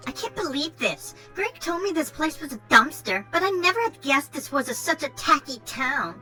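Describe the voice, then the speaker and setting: A woman acts out a snobby young rich girl from a game. The delivery is bright and forceful, with a bubbly sorority-girl gush and a Valley Girl accent. Faint music plays behind. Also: high-pitched, lively intonation, moderate pace. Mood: disgusted, haughty. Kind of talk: game character dialogue read.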